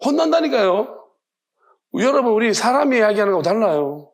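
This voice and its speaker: A man's voice: high-pitched, big pitch swings, fairly quick. A male pastor with a Gyeongsang accent preaching a sermon, firing off rhetorical questions with emphasis.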